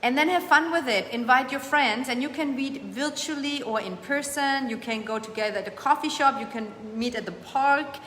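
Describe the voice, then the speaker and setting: Female live-stream coach, slightly high, encouraging and emphatic; echoey room with faint background hum. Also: moderate pace, few pauses. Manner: warm, emphatic, repeats phrases for emphasis; reads viewer comments aloud and answers them. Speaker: host of a live coaching show. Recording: echoey room with long reverb, faint ambience.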